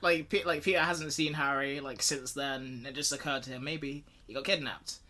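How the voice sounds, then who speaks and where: A man's voice: mid-range voice, steady tone, moderate pace, sharp tone. A man co-hosting a podcast, chatting informally with joking asides and casual commentary. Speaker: podcast co-host.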